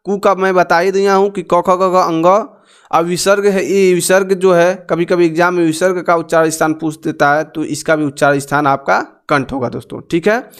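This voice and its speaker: A young male teacher with a high, clear, smooth voice. He walks learners through exam grammar step by step, repeating each sound and drilling it with them. Patient, explaining tone. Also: fairly even intonation, normal speed. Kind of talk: exam-prep grammar lesson.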